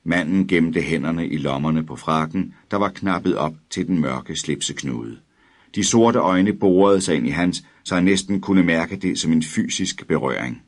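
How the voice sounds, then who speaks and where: A man narrating a dark audiobook story in a measured, dramatic way. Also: deep voice, expressive.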